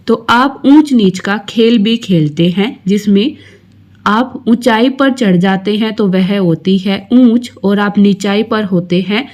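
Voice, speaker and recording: A woman's voice: mid-range voice, darkish tone. A woman teaching a textbook lesson to young schoolchildren, reciting a short poem and then going through each exercise step by step. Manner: slow, explaining each step to young children.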